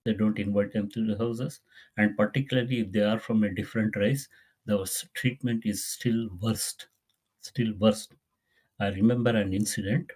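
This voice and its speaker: Husky earnest male Quran teacher. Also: lowish voice, steady tone, normal speed, darkish tone. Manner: earnest, repetitive, pleading. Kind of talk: religious lesson.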